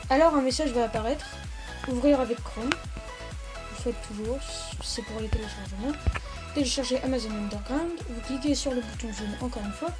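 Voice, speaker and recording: A woman hosting a step-by-step phone app tutorial, talking in a halting way and often correcting herself mid-sentence. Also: sits high. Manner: halting, self-correcting delivery. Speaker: tech tutorial host. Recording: background music under the voice. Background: music.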